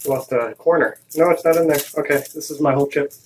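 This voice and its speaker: A man's voice: fairly high pitch, fast talker, a little mellow, a little hiss or hum. A man co-hosting a casual video chat, talking in an upbeat, matter-of-fact way. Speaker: co-host.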